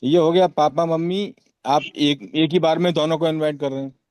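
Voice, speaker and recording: A man's voice: on the high side, fairly even intonation, moderate pace, a little mellow, smooth, no echo. A man taking part in a training session, answering the trainer's questions politely. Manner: polite, answers with respectful agreement. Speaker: participant.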